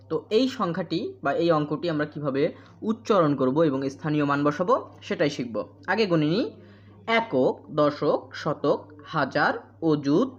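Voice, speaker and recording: Casting: woman math teacher, low voice that rises and falls a lot, dull lo-fi audio. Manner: repeats questions and answers, counts out place values slowly. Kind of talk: primary school math lesson. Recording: dull lo-fi sound.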